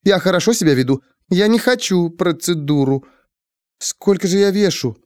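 A man doing a frantic high-voiced young woman. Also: darkish tone, dry recording, studio quality, close to an everyday voice. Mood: flustered. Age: 20s. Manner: frantic, fast, wailing. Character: anxious, rambling young woman patient.

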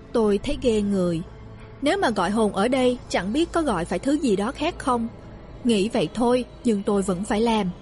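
A woman narrating a first-person ghost story in a steady, hushed storytelling manner. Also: a little high, husky. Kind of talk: scripted horror narration.

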